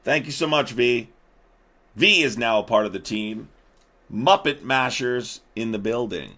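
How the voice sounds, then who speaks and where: A man's voice: medium pitch, unhurried, bright, forceful tone. A young man hosting a live stream, riffing profanely and animatedly, laughing as he talks. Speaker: streamer host. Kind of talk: casual live-stream commentary.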